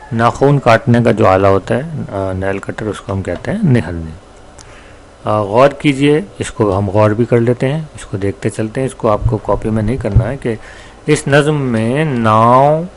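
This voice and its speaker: A man teaching a class, explaining word meanings slowly and patiently and repeating himself for students. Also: medium pitch, darkish tone, a little hiss or hum. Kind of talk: recorded classroom lesson.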